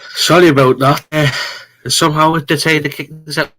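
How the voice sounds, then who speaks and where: A man's voice: a little high, fairly even intonation, moderate pace, pushed and bright. A man talking casually and apologetically over an internet call whose audio keeps glitching into a robotic sound. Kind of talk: casual chat. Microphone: online call. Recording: distant, dropping online call audio.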